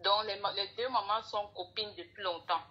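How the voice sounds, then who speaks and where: A woman's voice: mid-range voice, fairly even intonation, moderate pace, dull audio, crowd noise. A woman calling in for advice, hesitant and stumbling as she restarts her sentences. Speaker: caller seeking advice.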